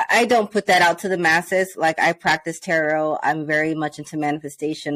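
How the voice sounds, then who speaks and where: A woman's voice: lowish voice, fairly bright tone. A woman hosting an interview, chatting casually and asking rambling questions. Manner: rambling questions, laughs easily. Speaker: host.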